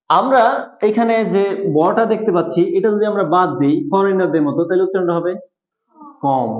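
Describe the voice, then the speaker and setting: A man teaching English words in a classroom, quizzing students over and over in call-and-response. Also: sits high. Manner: repetitive quizzing questions. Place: classroom at a board. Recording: echoey room, dull lo-fi sound.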